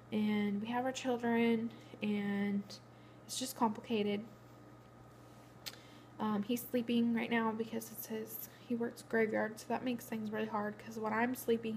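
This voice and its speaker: A woman's voice: on the high side, darkish tone, slight background noise. A young pregnant woman, out of breath, rambling through a matter-of-fact casual vlog update. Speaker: vlogger. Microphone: phone camera.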